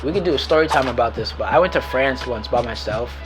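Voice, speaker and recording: A man's voice: medium pitch, lively intonation, fast, music in the background. A man in his twenties casually telling a rambling, profane storytime tale to camera. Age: 20s. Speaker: vlogger.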